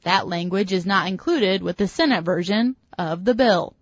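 A woman hosting a farm radio show and reading news in a steady, even way, taped off the radio. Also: medium pitch, moderate pace, dry recording. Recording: dull lo-fi radio sound, dry.

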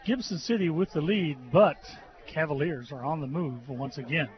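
A man calling a high school football game and reading station promos in a dense, steady announcer delivery, heard through a muffled radio broadcast from a press box. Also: moderate pace. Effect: muffled lo-fi radio broadcast sound.

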